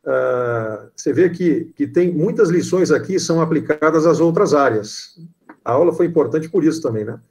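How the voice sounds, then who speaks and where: Gravelly Brazilian man moderating. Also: fairly high pitch, lively intonation, a little mellow. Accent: Brazilian Portuguese. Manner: halting, reading out audience questions. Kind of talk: moderating an online lecture.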